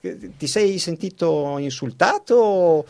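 A man's voice: a little high, lively intonation, takes it slowly, vocal fry, darkish tone. A man hosting a radio talk show in a studio, chatting animatedly and laughing often, with frequent restarts. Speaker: radio host. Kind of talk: casual studio chat.

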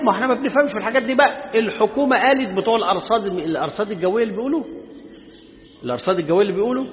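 An Egyptian man teaches a religious lesson in lively colloquial speech, his high voice swinging widely as he jokes and calls on listeners to pay attention. The sound is thin and tinny, with a long hall reverb trailing each phrase. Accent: Egyptian Arabic. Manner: lively, joking and addressing listeners directly. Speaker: Islamic scholar teaching a lesson.

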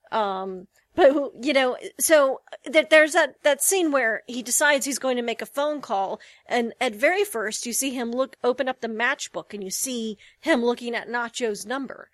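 Woman on a podcast rambling about a tv episode, kinda high voice, super dry sound. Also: a bit bright, no echo. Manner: rambling, chatty, self-correcting. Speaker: podcast co-host. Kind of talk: casual TV episode discussion.

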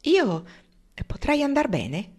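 Woman reading as an earnest young woman, firm and gentle, close to her own voice. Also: high-pitched, big pitch swings, takes it slowly, pitched above the performer's own voice, heavily acted.

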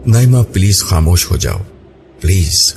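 Kind young husband, soft-spoken with a playful edge, read by a man; deep, noisy. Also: big pitch swings, creaky, full character voice. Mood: gentle. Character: young husband, calm, gentle and teasing. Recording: noisy background hiss.

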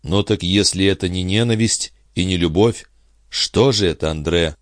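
A man's voice: deep voice, moderate pace, no echo, studio quality, lightly acted. A man voicing an ardent young nobleman who pleads earnestly and tenderly.

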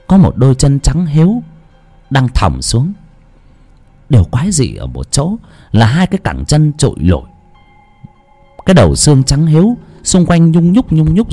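A man narrating a ghost story in a dramatic, animated storytelling voice. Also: medium pitch, slightly rough. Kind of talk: scripted horror narration. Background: faint background music.

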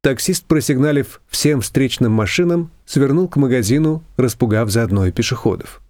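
A man reading a story aloud in an even, measured narration. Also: medium pitch, no echo, studio quality. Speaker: audiobook narrator. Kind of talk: scripted narration.

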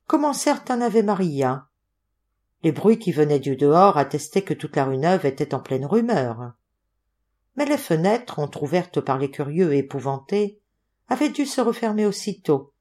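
A woman reading a classic novel aloud as an audiobook, with an expressive delivery. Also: low voice. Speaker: audiobook reader.

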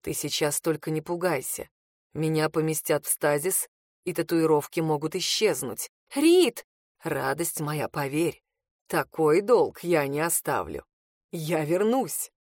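A woman reading an audiobook voices a wounded male lover who speaks in a weary, tender hush. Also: fairly high pitch, measured pace, no room sound, clean studio sound, voice pushed down.

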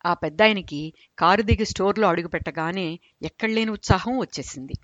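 A woman's voice: lowish voice, fairly quick, no room sound. Chatty woman telling funny stories. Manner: chatty, amused. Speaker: storyteller. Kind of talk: humorous storytelling narration. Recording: dull dry recording.

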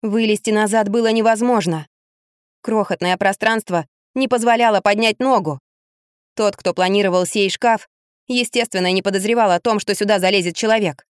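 A woman reading a first-person story aloud in an expressive, lively storytelling manner. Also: mid-range voice, normal speed, clear, resonant tone, no echo, studio quality. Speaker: narrator.

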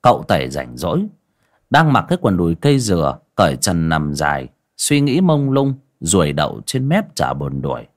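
Animated storyteller man. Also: sits low, normal speed. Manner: animated, voicing every character. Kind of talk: folk tale narration.

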